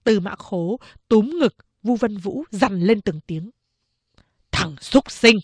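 Slow, measured woman narrating a novel. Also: medium pitch, expressive, warm tone, husky, dry recording, studio quality. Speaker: audiobook narrator.

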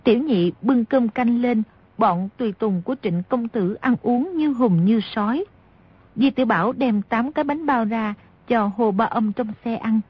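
Woman, audiobook narrator, steady reading, raspy breathy voice, dry close lo-fi recording. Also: a little high, moderate pace, no room sound. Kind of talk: scripted storybook narration.

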